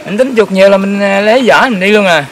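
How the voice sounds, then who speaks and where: A man's voice: high-pitched, fast talker, a bit bright, slight background noise. A man with a Southern Vietnamese accent bantering playfully as co-host of an outdoor cooking vlog. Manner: joking, playful.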